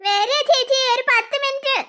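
An eager little sister from a cartoon story, played by a woman, chatty and quick to take sides. The voice is very high and bright.

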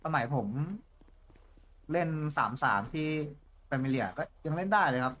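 A man's voice: medium pitch, measured pace, fairly bright tone. A man talking in character as a gang member in an online role-play game, polite and loyal to his boss.

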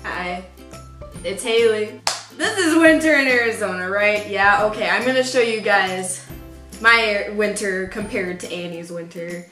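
A woman's voice: mid-range voice, unhurried, sharp tone, faint music behind, low-quality recording. A young woman chatting in a goofy, sarcastic vlog outdoors in a sunny backyard. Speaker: guest vlogger. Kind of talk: casual vlog chat.

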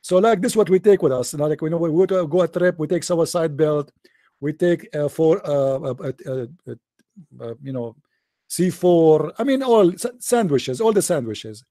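Man, sarcastic deadpan commentary, high voice, dry close sound. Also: moderate pace, dry recording. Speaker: host. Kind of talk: sarcastic commentary over a text.

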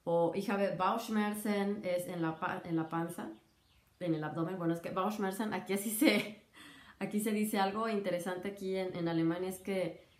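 A woman in her thirties with a Mexican Spanish accent, a doctor giving a casual spoken lesson, chatty and full of quick asides and examples. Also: medium pitch, fairly even intonation, echoey room. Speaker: doctor teaching medical German.

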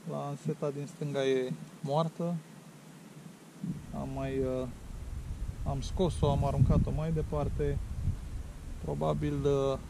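Middle-aged man with a gravelly voice outdoors. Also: medium pitch. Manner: chatty, excited exclamations when landing fish. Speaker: angler filming his fishing session. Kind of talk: casual outdoor commentary. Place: lakeshore outdoors, windy. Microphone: action camera on the bank. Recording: loud wind noise outdoors.

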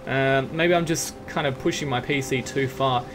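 A man commentating while he plays a video game, excitable and jokey, often laughing and shouting at the game. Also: medium pitch, normal speed, slight background noise. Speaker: gaming video host. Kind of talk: let's play commentary. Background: game music and gunfire.

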